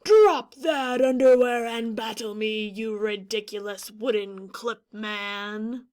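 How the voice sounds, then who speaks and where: A woman voicing a boastful, combative rock warrior from a storybook, loud and declamatory. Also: on the high side, takes it slowly. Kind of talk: storybook read-aloud character voice.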